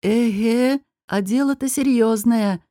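A woman's voice: a little high, slow pace, mellow, no echo, studio quality. A woman voicing a bold male nobleman who speaks wryly and firmly.

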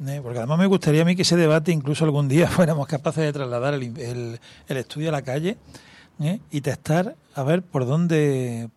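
Reflective Andalusian radio host, dry sound. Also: male voice, a little high, darkish tone, no room sound. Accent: Andalusian Spanish. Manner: reflective, meandering, frequent tag questions. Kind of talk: radio interview.

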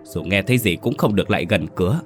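Strict old grandma protecting her grandkid, guy voicing her, deep and firm. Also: lively intonation, quick pace, soft background music. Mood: stern. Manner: stern, scolding.

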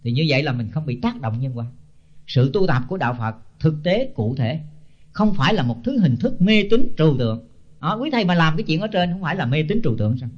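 Older man, Buddhist monk, blunt scolding sermon, high-pitched voice, muffled old tape. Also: very animated, brisk. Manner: blunt and scolding, with rhetorical questions and chuckles. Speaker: senior Buddhist monk teaching disciples. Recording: dull lo-fi tape.

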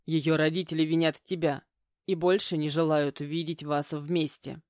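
A woman puts on a stern middle-aged stepfather who grumbles and gives orders. The voice sits low and speaks curtly. It is recorded dry and close, with no room sound. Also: flat delivery, moderate pace, darkish tone, dry recording, close to an everyday voice. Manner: grumbling, curt, commanding. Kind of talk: audiobook character voicing.

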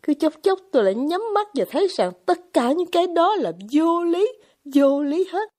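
A woman's voice: very high-pitched, animated, moderate pace, darkish tone, pitched above the performer's own voice. A woman playing a hysterical, gushing society mother. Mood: melodramatic fretful. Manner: gushing, melodramatic exclamations. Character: fretful, hysterical aristocratic mother, middle-aged. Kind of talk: audiobook character voice.

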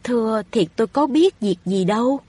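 A woman's voice: a little high, lively intonation, normal speed, dark tone, breathy edge, no room sound. A woman voicing a humble poor widowed peasant mother in a storybook reading, anxious and pleading. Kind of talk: audiobook reading of a novel.

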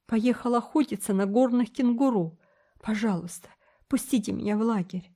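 A woman's voice: normal speed, warm tone. Woman doing a terrified pleading teenage boy. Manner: breathless, high pleading cries.

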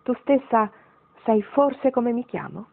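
A woman's voice: on the high side, expressive, takes it slowly, creaky, narrow, tinny audio, pitched above the performer's own voice, exaggerated voice. A woman voicing a very old grandmother, wistful and wry, speaking tenderly to her great-grandchild in a storybook reading.

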